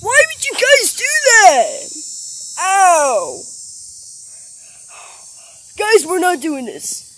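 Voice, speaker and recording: A woman's voice: very high voice, huge pitch swings, extremely slow, pauses often, a bit bright, slight background noise, full character voice. A woman voicing a whiny, reluctant little boy plush creature in a homemade toy skit. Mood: upset, protesting. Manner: whiny, protesting.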